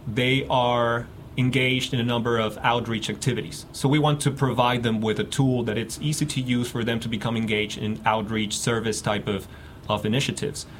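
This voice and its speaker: Man from Mexico, mid-pitched voice, halting speech, frequent fillers, faint background hiss. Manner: halting, many fillers and repeats. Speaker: guest researcher. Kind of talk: radio interview.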